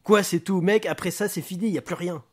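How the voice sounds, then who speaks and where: A man voicing a loud, foul-mouthed, panicky male gangster in an audiobook reading, shouting and swearing. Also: fairly high pitch, brisk, voice pushed up, natural voice. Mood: furious.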